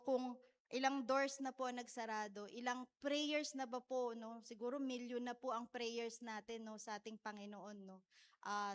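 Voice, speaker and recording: Heartfelt woman preaching. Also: a little high. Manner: heartfelt, tag-questioning, tearful in places. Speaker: church speaker. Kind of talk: Taglish sharing in a church service.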